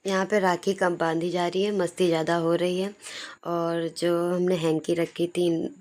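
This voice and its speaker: A woman's voice: lowish voice, flat delivery, normal speed, darkish tone. A young woman casually narrating her family video in a chatty, fond way, laughing now and then. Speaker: vlogger.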